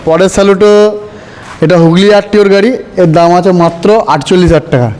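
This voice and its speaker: A high-pitched man with a West Bengal Bengali accent delivers an off-the-cuff showroom sales pitch. He talks quickly in insistent, repetitive salesman's patter, always pushing a bargain, with some noise behind him. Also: a little mellow, poor audio. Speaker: used motorbike dealer presenting his stock.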